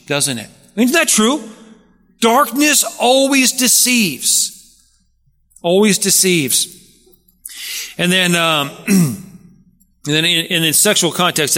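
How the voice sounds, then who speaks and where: A man's voice: fairly high pitch, pushed and bright, long reverb tail. A man preaching a sermon as pastor, talking conversationally and asking his listeners rhetorical questions.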